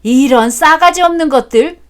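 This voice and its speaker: A grumpy older father-in-law, put on by a woman reading the story, scolds his children in a loud, raised voice. The voice sits fairly high, and the story is read as a storybook drama. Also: a little slow, natural voice. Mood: scolding.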